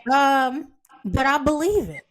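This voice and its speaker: A woman hosting a podcast in casual chat, expressive and quick to react to her guest. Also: high voice. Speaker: podcast host.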